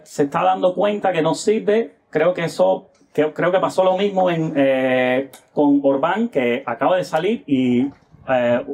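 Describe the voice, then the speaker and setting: This US guest's voice is slightly high and mellow as he gives offhand political commentary. He's hesitant, with many fillers and frequent rhetorical tag questions.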